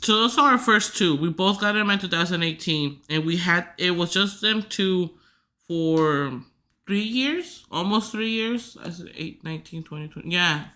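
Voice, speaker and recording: A young woman chatting casually on her podcast, her voice very bright and forward. She rambles and fills her sentences with "like," slipping in giggly asides as she goes. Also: lowish voice, moderate pace. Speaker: podcast host. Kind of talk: casual chat.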